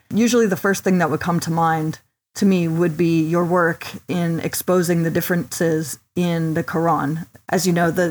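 Woman co-host, somewhat low-pitched, enthusiastic, talks to a guest over a call. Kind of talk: interview questions, casual.

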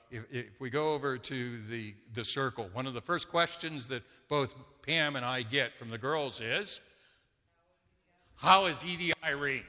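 A man's voice: medium pitch, pushed and bright. An older man preaching a sermon as pastor, talking conversationally with homely stories. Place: church sanctuary. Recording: long church reverb.

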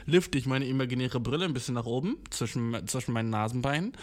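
A man's voice: medium pitch, lively intonation, quick pace. Young man, comedic monologue, slangy and mock-arrogant, constant anglicisms, playful exaggeration. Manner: slangy youth talk full of English words; mock-cocky, jumps into exaggerated voices. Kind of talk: casual comedic rant.

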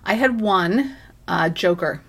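A woman's voice: mid-range voice, lively intonation, slow, fairly bright tone, a little hiss or hum. A woman co-hosting a casual podcast, speaking uncertainly and trailing off with small laughs. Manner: unsure, trailing off, giggly. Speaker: podcast co-host.

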